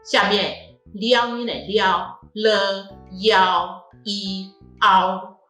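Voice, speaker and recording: A woman with a Taiwanese Mandarin accent leads a pronunciation drill, sounding out each vowel slowly and repeating it patiently. Her voice is bright and clear. She is recorded in a room with a noticeable echo and faint music underneath. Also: medium pitch, fairly even intonation. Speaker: language teacher. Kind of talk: phonetics lesson.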